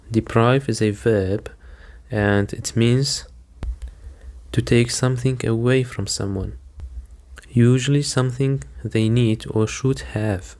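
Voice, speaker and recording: A man teaching English vocabulary in a slow, deliberate lesson, repeating each word and giving examples. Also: mid-range voice, a little mellow.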